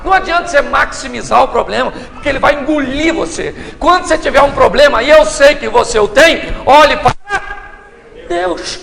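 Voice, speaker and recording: A man preaching a comic sermon in a church, telling stories in an animated way with loud, emphatic bursts. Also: very high-pitched, vocal fry. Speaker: pastor. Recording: echoey church hall, mic far off.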